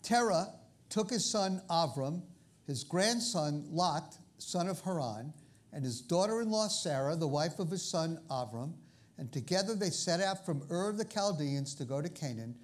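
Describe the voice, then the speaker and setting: A pastor from Brooklyn, New York, with a Brooklyn accent, teaches a sermon through scripture in a loose, conversational manner. His voice is a bit higher than most men's, animated, and moderately paced. He makes frequent asides and often pauses to check in with his listeners.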